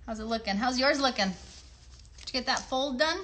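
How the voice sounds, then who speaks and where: A bit of background noise sits under this woman's high, brisk, slightly bright voice. She's hosting a craft livestream for children, explaining each step in simple terms, encouraging her young viewers and regularly asking them questions.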